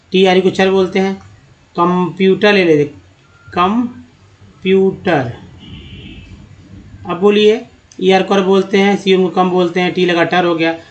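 Guy teaching english spelling sounds, fairly high voice, asks then answers himself. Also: dull audio. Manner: asks questions then answers them, repeats key sounds. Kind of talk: explaining lesson to viewers.

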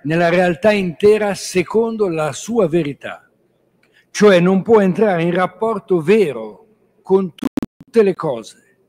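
A priest delivering a reflective homily in an unhurried, deliberate rhythm. His man's voice sits somewhat high, and he circles back to rephrase each idea patiently. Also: a little mellow. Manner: measured and reflective, restating points with 'cioè'. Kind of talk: spiritual reflection on scripture.

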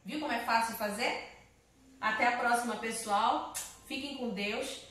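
A woman teaching English to young children with a Brazilian Portuguese accent, saying each alphabet word slowly and repeating it. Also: fairly high pitch, fairly bright tone, echoey room. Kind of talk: slow, spelled-out alphabet lesson for children.

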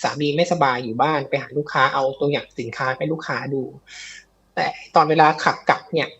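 A man's voice: on the high side, a little fast, fairly bright tone, husky, muffled recording. A man telling a ghost story in a casual, chatty way, with many fillers and repeats, on a live show. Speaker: guest storyteller of ghost stories.

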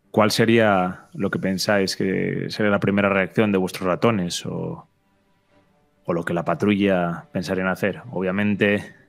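Deep-voiced game master narrating. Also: male voice, gravelly. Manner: dramatic, measured narration. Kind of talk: narrating a tabletop role-playing game.

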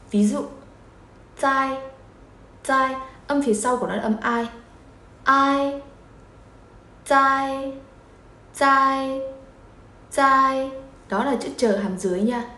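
A woman teaching pronunciation, drilling syllables slowly and repeating them for learners. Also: fairly high pitch, darkish tone, reverberant. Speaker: Chinese teacher. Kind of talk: pronunciation lesson.

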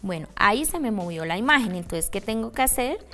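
A woman with a middle pitch demonstrates a handmade craft step by step. She keeps pausing to check that her audience is following along. Soft music plays faintly in the background. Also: lively intonation. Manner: checks in with a frequent "¿listo?". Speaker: craft instructor.

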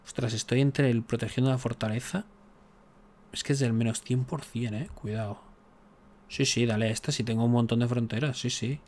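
Man, let's-play commentary, chatty, joking, exasperated asides, medium pitch. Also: fairly even intonation, normal speed, darkish tone. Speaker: gaming YouTuber.

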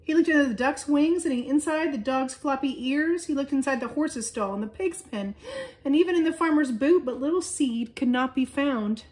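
A woman leading children's chapel, reading a children's story aloud with lively storytelling emphasis. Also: sits high, normal speed.

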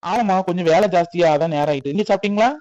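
A woman lowering her voice to play a busy young fiancé who talks in a casual, apologetic way, in a family skit. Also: racing, warm tone, lo-fi sound, lightly acted. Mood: easygoing.

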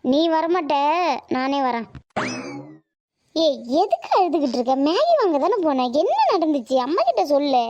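A woman's voice: high voice, sing-song, a little mellow, dull audio, a little hiss or hum. A nagging cartoon mother. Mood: pressing. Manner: nagging, rapid questions. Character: scolding, impatient cartoon mother. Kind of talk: cartoon voice acting.

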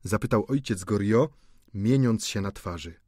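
A man narrating a classic novel as an audiobook, with expressive, measured storytelling. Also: lowish voice, dry recording, clean studio sound.

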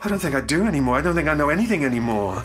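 A man's voice: a little high, very animated, rapid-fire, over music. An actor playing a sarcastic, grief-stricken alien grandfather in an audio drama, intense and brooding. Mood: desperate, defiant. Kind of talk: full-cast audio drama acting.

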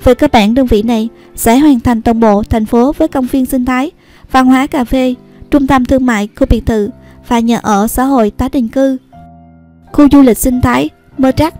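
Woman doing a news voiceover, a bit high and mellow, reads it all steady. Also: normal speed, faint music behind. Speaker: news narrator. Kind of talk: scripted news narration. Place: voice-over recorded apart from the pictured places.

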